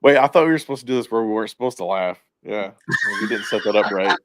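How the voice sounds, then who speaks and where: Brief: male podcast co-host, lowish voice, relaxed wry banter. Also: fast talker, background noise. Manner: laid-back, wry, laughs along.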